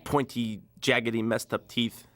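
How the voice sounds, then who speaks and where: A man giving a relaxed, rambling DVD commentary as a director, with many fillers. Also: mid-range voice, normal speed.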